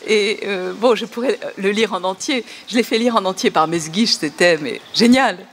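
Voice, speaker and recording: A woman's voice: medium pitch, normal speed, slight background noise. A woman speaking as an interview guest, talking in a hesitant way with many fillers and restarts, and laughing at her own readings. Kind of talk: conversational interview talk.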